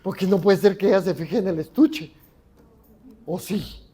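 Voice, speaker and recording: A man's voice: high-pitched, expressive, a little fast, dark tone, breathy edge. A Mexican man preaching a sermon as pastor in a church, often asking the congregation questions. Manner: conversational, asks the congregation questions.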